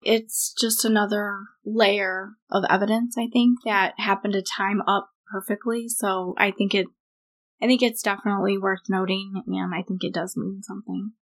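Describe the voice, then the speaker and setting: A woman's voice: mid-range voice, level tone, normal speed. A woman co-host in casual talk, tentative and reflective, wanting to stay skeptical. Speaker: paranormal investigator co-host. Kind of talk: casual podcast chat.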